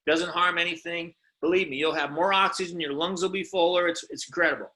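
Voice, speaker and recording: A man with a fairly high, steady voice speaks fast in a sharp tone. As a company presenter pitching products, he runs an informal, emphatic sales talk full of insistence and rhetorical questions.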